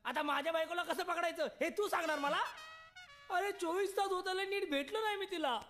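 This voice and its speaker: An eager young husband pleads in a fairly high voice. He wheedles and pushes his case. A clear music bed runs under him. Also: a little fast. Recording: film soundtrack with music behind.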